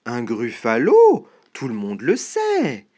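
A storyteller voicing a small, clever, boastful mouse in a read-aloud storybook, speaking in a cheeky, squeaky way. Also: very animated, slow, darkish tone.

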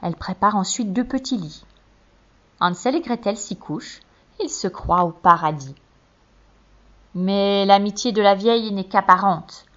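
A woman reading a fairy tale aloud with expressive storytelling. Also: mid-range voice, measured pace, pauses often. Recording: muffled, dull recording.

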